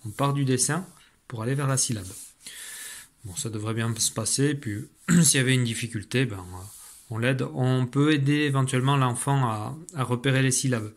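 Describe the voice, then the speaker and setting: A man's voice: medium pitch, normal speed. A man teaching, patiently explaining phonics exercises to parents, with frequent fillers and restarts.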